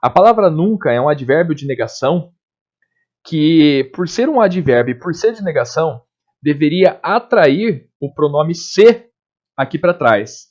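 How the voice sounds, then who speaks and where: A man teaching a literature lesson in a casual manner, checking in with his students often and slowing down to recite poems. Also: on the high side, very animated, a little mellow. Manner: slows down when reciting poems. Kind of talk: classroom lecture. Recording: dull lo-fi recording.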